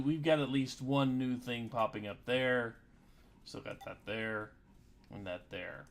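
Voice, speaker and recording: A man giving casual live commentary as he streams a video game. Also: medium pitch.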